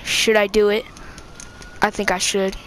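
A woman giving casual, excitable gameplay commentary, giggling often, talking to her viewers and yelling at other players. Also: medium pitch, measured pace, a little hiss or hum. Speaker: gameplay streamer.

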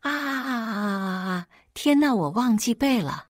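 A woman reading a story aloud, voicing an excitable, gossipy teenage schoolgirl who is the narrator's deskmate. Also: fairly low pitch, unhurried, dry recording, studio quality. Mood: panicked. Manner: exclaiming, chattering.

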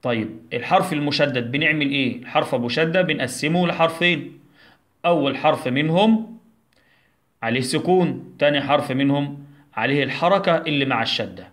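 A man with an Egyptian Arabic accent, a primary school teacher giving a recorded lesson for young children, who asks questions, answers them himself, and slowly sounds out syllables. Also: a little high, fairly bright tone.

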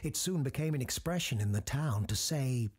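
In a horror audio drama, an actor voices a grave, scholarly doctor who hosts the story and recounts dark legends. His mid-range male voice is husky, ominous, and expressive, marked by deliberate dramatic pauses.

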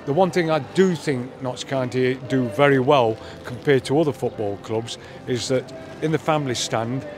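A man's voice: medium pitch, moderate pace. An older man, a football fan and grandfather, chatting thoughtfully in a street interview with many fillers, held mic outdoors. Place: outdoors by a stadium car park. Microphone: handheld mic held by interviewer.

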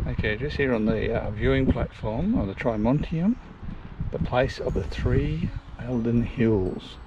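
A man's voice: mid-range voice, unhurried, highs cut off, noisy background. A middle-aged Australian man outdoors, chatting and admiring the sights as he walks and films. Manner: chatty, admiring commentary while walking. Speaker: vlog host. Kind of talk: walking vlog commentary. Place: outdoors on village lanes and woodland paths.

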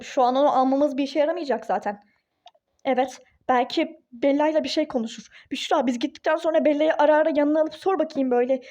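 A woman voicing a calm, soothing young husband in a toy-game role-play drama, talking in a reassuring way. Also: high voice, lightly acted. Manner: calming, reassuring.

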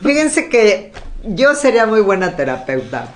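A woman hosting a podcast in a casual, chatty storytelling manner, often pausing with fillers. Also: mid-range voice, very animated, background noise. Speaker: podcast host. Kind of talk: casual chat.

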